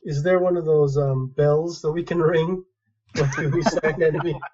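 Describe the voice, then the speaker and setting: A man with a fairly high voice, talking casually as a tabletop game player. His audio is a little dull and lo-fi. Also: fairly even intonation, moderate pace, darkish tone, slight background noise. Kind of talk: casual chat.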